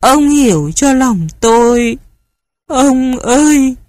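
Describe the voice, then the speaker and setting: Woman doing a tough old mother, foul-mouthed, commanding, dark husky voice, storybook reading. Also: on the low side, unhurried, dry recording. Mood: wailing. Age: older. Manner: commanding, wailing lament. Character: stern elderly mother, foul-mouthed, strong-willed.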